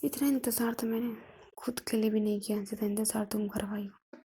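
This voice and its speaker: A woman voicing a young female student in love, speaking in a soft, coaxing whisper as whispered role-play. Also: mid-range voice, little pitch movement, a little fast, husky. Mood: tender. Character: young woman student, tender pleading lover.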